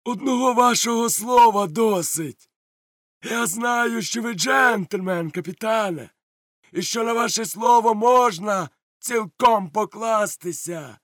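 A man voicing a cunning, jovial older male pirate chief who talks in a smooth, mock-polite way, read as an audiobook. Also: sits high, slow, a bit bright, no echo, studio quality, pitched above the performer's own voice, heavily acted. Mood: cheerful.

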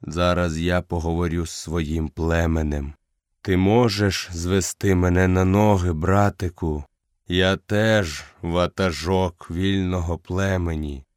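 A man voicing an old, dying male wolf who leads the pack, speaking low and weakly, short of breath, with a tender manner. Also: steady tone, slow, clean tone, dry recording, clean studio sound. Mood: weary, tender. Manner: low, weak, breathless murmur.

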